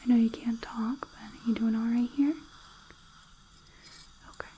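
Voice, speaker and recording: A woman whispering softly in an ASMR roleplay as a dental hygienist, slow and reassuring, often checking in with a gentle "okay?", close to the mic. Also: a little high, fairly even intonation, slight background noise, poor audio. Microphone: close sensitive mic.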